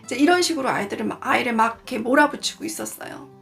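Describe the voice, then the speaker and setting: A woman in her forties talks through a book on her channel, candid and confessional, sometimes acting out remembered dialogue. Her voice sits a little high, with a gravelly, creaky edge. Quiet music plays underneath. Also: animated, rapid-fire. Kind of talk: casual reflective book talk. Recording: soft background music.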